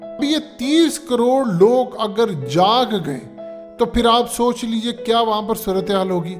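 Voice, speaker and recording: A man's voice: very high voice, unhurried, soft background music. Emphatic male political commentator. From Pakistan. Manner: emphatic, lecturing, repeats "dekhiye".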